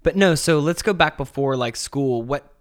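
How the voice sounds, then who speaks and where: A man's voice: fairly high pitch, normal speed. Chatty rambling male podcast host. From Georgia, US. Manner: chatty, rambling with many fillers and restarts. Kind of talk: casual interview chat.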